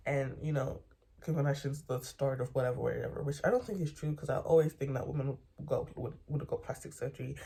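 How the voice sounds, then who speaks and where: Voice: medium pitch, gravelly, dark tone, husky. A young adult vlogger rambling casually in bed late at night, using loose slang and often repeating words.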